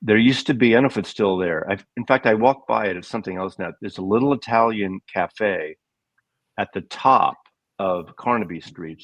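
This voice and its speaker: A man's voice: lowish voice, no echo. An older American man rambling through stories as co-host of a casual livestream chat. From United States. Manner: rambling storyteller, digressive.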